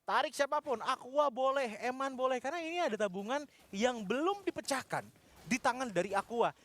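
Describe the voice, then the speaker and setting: High-voiced Indonesian male esports commentator. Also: animated, brisk, fairly bright tone. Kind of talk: game commentary and analysis.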